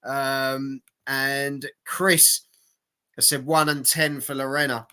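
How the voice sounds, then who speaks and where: Hosting a boxing watch-along, a man keeps up casual, blokey, sweary live chat and repeats himself for emphasis as his voice goes hoarse. His mid-range voice is level in tone, pushed and bright, and he takes his time.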